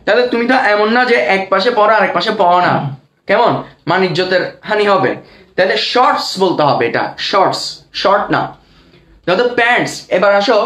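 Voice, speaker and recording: A man's voice: high-pitched, a bit bright, echoey room. A man teaching English grammar, chatty and jokey, often checking that students follow. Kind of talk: explaining a lesson to students.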